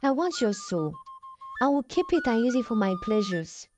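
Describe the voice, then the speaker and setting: A woman's voice: on the high side, very animated, normal speed, darkish tone. A woman narrator voicing a sly, wicked old female witch who mocks and cackles, over background music. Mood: greedy. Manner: cackling, mocking, drawn out. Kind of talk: storybook narration. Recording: music bed behind the voice.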